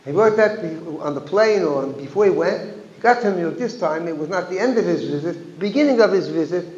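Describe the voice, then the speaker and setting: A man's voice: high-pitched, expressive, brisk, a little mellow, slight background noise. A male rabbi, a guest speaker, telling an anecdote at a community gathering, with frequent restarts and Yiddish phrases. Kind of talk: storytelling talk at a community gathering. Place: synagogue hall. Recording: echoey hall, dull lo-fi sound.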